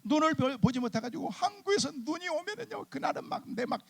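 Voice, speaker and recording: A middle-aged male pastor preaching at a church revival meeting. His voice sits very high for a man and has a gravelly, creaky grain. He talks in a chatty, animated way and acts out the people in his stories. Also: fast. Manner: chatty and animated, acting out church members' lines. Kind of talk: humorous storytelling sermon.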